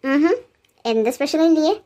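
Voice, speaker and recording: A woman's voice: sits high, expressive, moderate pace, warm tone. A woman voicing a sulky, affectionate young woman in a cartoon, pouting and insistent. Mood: coy. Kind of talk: cartoon voice acting.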